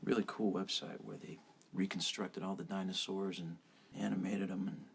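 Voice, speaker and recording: An actor playing a gentle, wistful brother in a soap opera, speaking softly and reflectively with hesitant pauses. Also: male voice, low voice, level tone, gravelly, slight background noise. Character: gentle, wistful older brother recalling a lost child. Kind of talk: soap opera dramatic acting. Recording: music under the dialogue.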